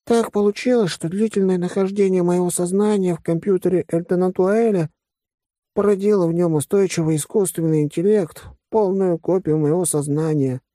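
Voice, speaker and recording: A man's voice: sits high, fairly even intonation, normal speed, dark tone, no echo, clean studio sound, voice pushed up, close to an everyday voice. A man voicing a timid, thoughtful furry male alien in an audiobook, speaking carefully and formally. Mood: musing.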